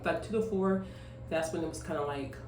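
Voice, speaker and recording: A twenty-five-year-old single mother vlogs casually at home while grooming herself, rambling with plenty of fillers and emphatic asides. Her voice is low, fairly quick and a little mellow. The room echoes, she is off-mic, and there is faint noise.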